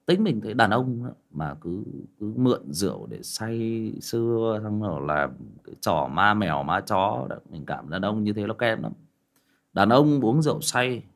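Guy rambling through a story, blunt, talks right to you, voice jumps around a lot, mid pitch. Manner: rambling, blunt and expressive, addresses listeners directly. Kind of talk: casual storytelling monologue.

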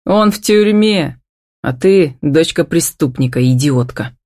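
A woman voicing a hoarse, sneering male villain with a low, threatening voice in an audiobook. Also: animated, measured pace, a little mellow, no echo, clean studio sound, full character voice.

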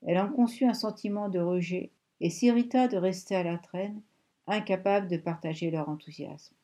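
A woman reading an audiobook in a steady, measured narration. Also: lowish voice. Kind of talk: scripted narration.

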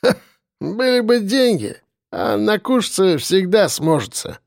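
A man's voice: sits high, very animated, measured pace, gravelly, darkish tone, no room sound, studio quality, pitched above the performer's own voice, full character voice. A man voicing a tipsy, sly village hunter who talks in a slurred, wheedling drawl. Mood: philosophical.

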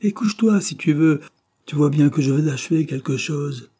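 A man's voice: a little high, normal speed, warm tone, breathy edge, voice pushed up. A man doing a snappish, impatient painter. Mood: angry. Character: irritable, absorbed male painter.

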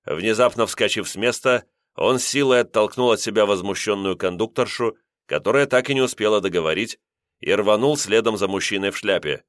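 A man narrating an audiobook in a measured, expressive storytelling manner. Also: on the low side, no room sound, studio quality. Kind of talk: scripted narration.

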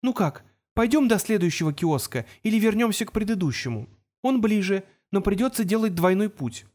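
A man reading as a curious young woman in an audiobook, voice lifted high and light. She speaks earnestly and with wary interest. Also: sing-song, brisk, a little mellow. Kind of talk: audiobook character voice.

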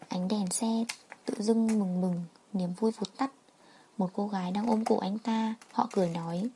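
Woman narrator, soft first-person story reading, husky tone. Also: mid-range voice.

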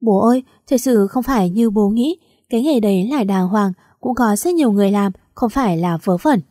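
A woman's voice: mid-range voice, fairly quick, mellow, no echo, clean studio sound, natural voice. A woman reading the part of a remorseful young daughter, sobbing and pleading with her father.

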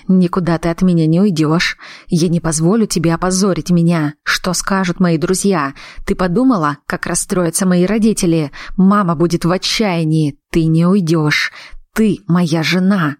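A woman voicing a jealous, violent young husband who speaks slowly and coldly. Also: fairly low pitch, darkish tone, dry recording, clean studio sound, close to an everyday voice. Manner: slow, cold and threatening.

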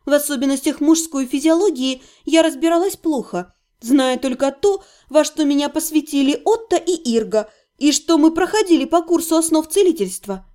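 A woman narrating a first-person fantasy audiobook in an expressive, wry manner. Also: high-pitched, moderate pace, hardly any pauses.

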